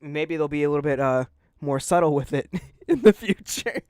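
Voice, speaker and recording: A man's voice: a little high, animated, normal speed, a little mellow, clear, resonant tone, no room sound, studio quality. A man hosting a casual podcast chat and reading aloud, blunt and swearing a lot. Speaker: podcast host.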